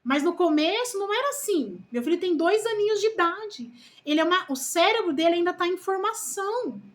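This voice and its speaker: A Brazilian woman with a high voice chats to camera as a first-time mother vlogging about parenting. She talks slowly and earnestly and asks her viewers a lot of rhetorical questions. She softens her words with little diminutives. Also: expressive. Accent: Brazilian Portuguese. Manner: calls herself loud-spoken. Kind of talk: casual talk to camera.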